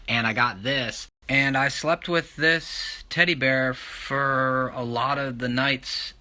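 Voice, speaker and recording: A man's voice: mid-range voice, bright, forceful tone, dry recording, low-quality recording. A young man from Michigan talking through a casual video diary in an offhand, rambling way. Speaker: vlogger.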